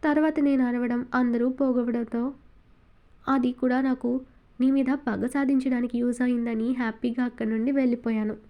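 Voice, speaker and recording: A woman's voice: a little high, little pitch movement, moderate pace, dull audio, close to an everyday voice. A woman voicing a naive, timid young woman in a romance audiobook, innocent and pleading. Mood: sheepish.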